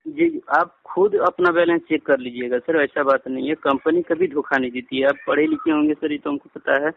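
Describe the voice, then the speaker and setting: This recorded phone call features a man with a fairly high, sing-song, creaky voice talking fairly quickly. Working as a customer care agent, he pushes persuasively and repetitively while addressing the listener as sir.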